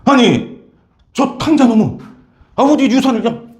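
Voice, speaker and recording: A resentful elder son, acted out by a male preacher, huffs and complains at his father. His voice rides high and leaps about. He sounds aggrieved and fed up. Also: very animated, normal speed, roomy sound. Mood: indignant. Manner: complaining loudly, huffing. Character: resentful elder son, adult man, jealous and indignant.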